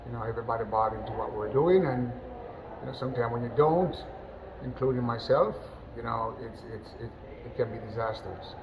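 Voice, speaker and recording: A middle-aged man from Jamaica talks easily about a match, his voice at an average pitch for a man. He rambles a little, leaning on fillers and restarting phrases. A steady, clearly audible noise runs underneath the webcam sound. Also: a little fast. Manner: relaxed, conversational, many "you know" fillers and restarts. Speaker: national team football coach. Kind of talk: post-match interview. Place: indoors, in front of a sponsor backdrop.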